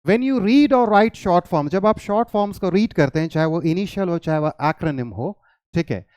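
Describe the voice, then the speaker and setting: Guy teaching english grammar, slightly high voice, smooth and clear, asks the class stuff then answers it. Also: animated, moderate pace, darkish tone, dry recording, clean studio sound. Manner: explains patiently, asks the class questions and answers them himself. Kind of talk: classroom lesson in Hindi and English.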